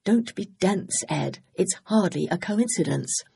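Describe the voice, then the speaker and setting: A woman reading an audiobook, voicing a suspicious woman amateur sleuth who speaks crisply and curtly. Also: lowish voice, expressive, unhurried, dark tone, full character voice. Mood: sharp. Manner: crisp, wary and curt.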